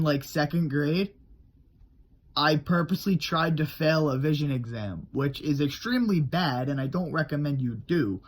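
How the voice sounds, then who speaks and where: Rambling male vlogger with a slightly high voice, casual, explaining his craft. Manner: loose and rambling, trailing off and restarting. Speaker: character creator on his own channel.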